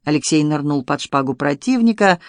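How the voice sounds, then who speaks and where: Measured audiobook narrator, dry close sound. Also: medium pitch, lively intonation, no room sound. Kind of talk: scripted narration.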